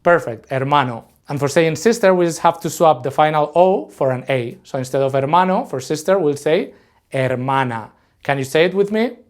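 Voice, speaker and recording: A man from Madrid, teaching a lesson and saying model phrases slowly for learners to repeat. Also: a little high, expressive. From Madrid, Spain. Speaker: language teacher. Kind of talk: scripted language lesson.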